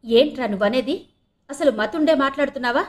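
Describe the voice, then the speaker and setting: A woman voicing an outraged middle-aged mother in an audio novel reading, shrill and dramatic. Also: moderate pace, natural voice. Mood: furious. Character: furious middle-aged mother shouting at her husband.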